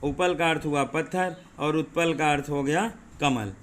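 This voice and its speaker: A male teacher giving an exam-prep lesson, explaining word pairs slowly and repeating them, often asking rhetorical questions. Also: fairly high pitch. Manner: says 'dekhiye' and 'thik hai' often.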